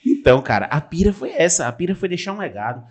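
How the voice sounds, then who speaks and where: A man's voice: on the high side, sing-song, fast, a little mellow. A man hosting a podcast, talking in a casual, earnest and reflective way with some joking. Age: adult father.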